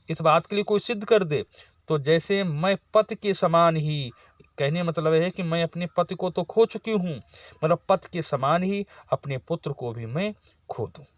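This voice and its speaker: Man, teacher type, slow deliberate delivery, fairly high voice, dry close sound; reads verse then explains it. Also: no echo. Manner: recites verse slowly then explains in plain words. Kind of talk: line-by-line poetry explanation lesson.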